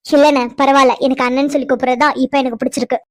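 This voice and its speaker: A woman's voice: high-pitched, level tone, rapid-fire, no room sound, close to an everyday voice. A woman voicing a grown sister in a cartoon, who scolds and teases her brothers with affection. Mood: teasing. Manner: scolding, teasing. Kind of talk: cartoon voice acting.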